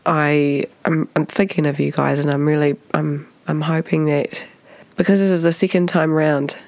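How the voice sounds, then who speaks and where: A woman, hoarse from being sick, hosts a podcast casually in a croaky voice with creaky starts. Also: low-pitched, steady tone, moderate pace, a little mellow, no echo. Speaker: podcast host.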